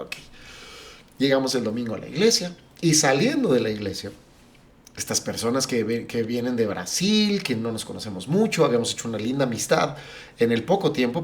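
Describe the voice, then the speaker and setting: A middle-aged man, a pastor and podcast guest, telling a personal story and acting out what others said. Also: medium pitch. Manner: animated, acts out the dialogue of family and friends.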